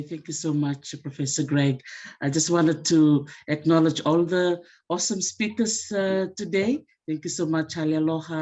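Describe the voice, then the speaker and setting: A woman's voice: sits low, warm tone. A woman from Fiji, speaking as a panelist at a symposium. She talks earnestly and gratefully, with many "uh" fillers. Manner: earnest and appreciative, with frequent "uh" fillers. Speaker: museum association representative, panelist.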